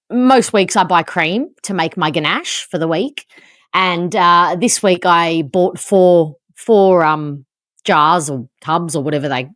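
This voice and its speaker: An Australian woman hosting a podcast, telling a story in an animated, self-mocking way. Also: on the low side, no room sound, clean studio sound. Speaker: podcast host. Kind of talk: casual chat, storytelling.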